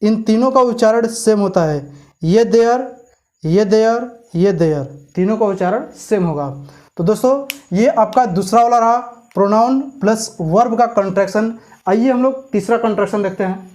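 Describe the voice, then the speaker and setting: In this spoken grammar lesson, an English teacher with a slightly mellow mid-range voice reads forms slowly one by one, then explains more quickly while repeatedly quizzing the listener.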